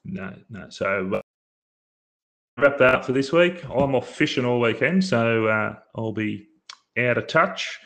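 A man's voice: medium pitch, animated, unhurried, fairly bright tone. An Australian man hosting a casual betting podcast, talking in a blokey, colloquial way. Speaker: podcast host.

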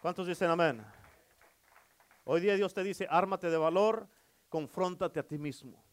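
A man's voice: high voice, unhurried. A middle-aged male pastor preaching a sermon, emphatic and repetitive, often calling for amens.

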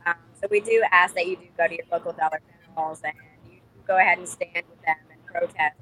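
A woman's voice: fairly low pitch, fairly even intonation, fast talker, a bit bright, slight background noise, low-quality recording. Woman on a glitchy, robotic call line. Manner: earnest, lots of um fillers. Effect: glitchy robotic call audio that cuts out. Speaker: strike organizer guest. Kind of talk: casual livestream call.

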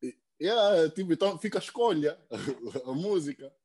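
A young man talks in a warm, relaxed tone that sits slightly high. He keeps circling back, repeating words and tacking on questions to his listener as he explains himself in a casual podcast chat. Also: breathy edge. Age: young adult. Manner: earnest, halting, many repeated words and tags. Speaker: rapper, podcast guest.

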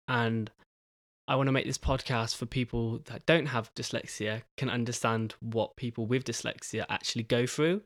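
A young man hosting his own podcast in a casual solo talk, halting, with many pauses and restarts. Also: medium pitch, steady tone, dry recording, clean studio sound. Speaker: podcast host.

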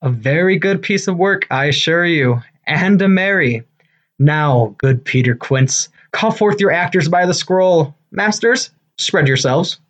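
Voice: medium pitch, expressive, measured pace. An actor playing a boastful, eager male weaver in a Shakespearean comedy, declaiming in a self-important, bombastic way. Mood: eager, bossy. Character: Bottom, boastful, eager amateur-actor weaver, adult man.

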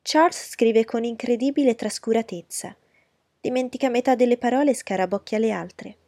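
A woman's voice: a little high, normal speed, mellow, dry recording, clean studio sound, voice pushed up. A woman reading aloud voices a young society lady who fawns eagerly and insists on her compliments. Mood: gushing.

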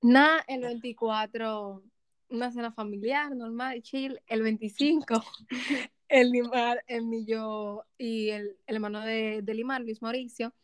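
A young woman co-hosting a podcast, telling stories in a lively, slangy way. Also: fairly high pitch, a little slow, clear, resonant tone. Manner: animated storyteller, slangy. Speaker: podcast co-host. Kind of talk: casual chat.

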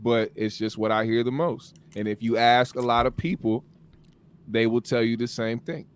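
A man's voice: medium pitch, fairly even intonation, moderate pace, clear, resonant tone. Reflective young man on a podcast. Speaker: podcast co-host. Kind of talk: casual podcast chat.

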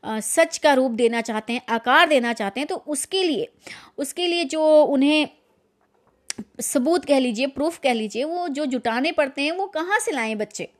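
A woman's voice: high voice, moderate pace. A woman reading a literary short story aloud, then talking it over in her own words with some hesitation. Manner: reads dramatically, then comments with fillers.

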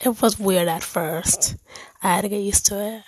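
A woman's voice: medium pitch, normal speed, a little mellow, husky, dry recording, low-quality recording. A woman hosting her own podcast, talking candidly and earnestly about her life in a heartfelt monologue. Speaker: podcast host.

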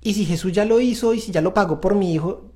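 A man's voice: high voice, quick pace, darkish tone. A man hosting a faith-based parenting talk, earnest and confessional as he speaks straight to viewers. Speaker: parenting show host.

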